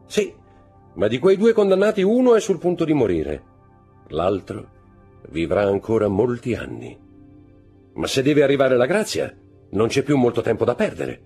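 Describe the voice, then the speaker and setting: A man's voice: medium pitch, big pitch swings, moderate pace, long pauses, warm tone, breathy edge, soft background music, voice pushed up. A man voicing a cold, bitter aristocratic count who speaks in a sardonic, declaiming manner. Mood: grave.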